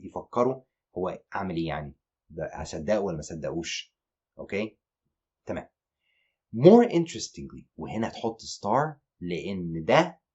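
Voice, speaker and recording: Egyptian man, teacher, lively explaining, lowish voice, mixes in English terms. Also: husky, dull audio. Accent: Egyptian Arabic. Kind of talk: online exam-prep lecture.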